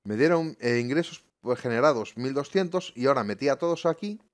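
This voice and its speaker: With lively intonation and a brisk pace, this medium-pitched gaming YouTuber commentates a bus-driving game live from home. He swears often, grumbles to viewers, and sounds thoroughly exasperated.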